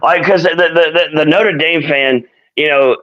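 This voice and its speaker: A man's voice: fairly high pitch, steady tone, a little slow. Profane laid-back man on dull lo-fi audio. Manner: profane, filler-heavy, laid-back talk. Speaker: guest. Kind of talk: casual chat.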